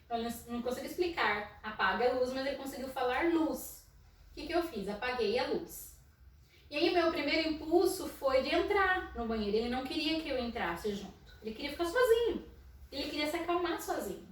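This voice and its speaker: A Brazilian woman, a psychologist, talking casually about school inclusion in her naturally loud voice. She tells stories and keeps tagging her sentences with "né?". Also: high voice, animated, fast talker. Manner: storytelling with frequent "né?" tags and soft laughs. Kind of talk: casual educational talk. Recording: echoey room, mic at a distance.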